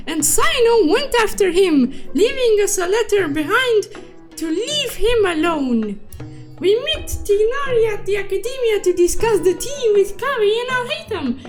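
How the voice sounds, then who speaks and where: A woman plays a silly, excitable cartoon unicorn in a very high-pitched, exaggerated voice. The cute character recaps a comic story playfully, exclaiming everything with mock drama.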